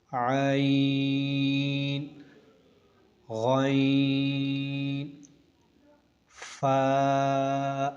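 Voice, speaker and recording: A man teaching the Arabic alphabet for Quran reading, drawing out each letter name slowly and adding short spoken instructions between them. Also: medium pitch, a little mellow. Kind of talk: letter-by-letter recitation lesson. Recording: dull lo-fi recording.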